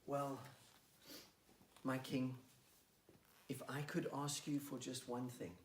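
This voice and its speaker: A man's voice: medium pitch, little pitch movement, slow, a little hiss or hum, natural voice. A man preacher voicing an earnest young queen pleading for her life. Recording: roomy hall, mic at a distance.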